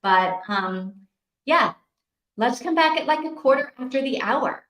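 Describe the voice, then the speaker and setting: Chatting informally on her live reading-sprint stream, a woman reads viewer comments aloud and answers them on the fly. She sounds expressive and a bit bright, her high voice moving a little slowly through a roomy, echoing recording.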